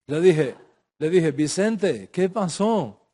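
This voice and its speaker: Man, middle-aged, fairly high voice, religious class, emphatic, repeats himself, restarts mid-sentence. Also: lively intonation, slow, mellow, husky. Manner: speaks in Spanish with Hebrew religious terms.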